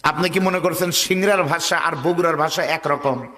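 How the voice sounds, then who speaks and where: A man's voice: fairly high pitch, moderate pace, fairly bright tone, in a large hall. A man from Bangladesh with a northern Bangladeshi Bengali accent, preaching a waz sermon to a crowd, urging them to call back and mimicking regional dialects. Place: outdoor religious gathering over loudspeakers.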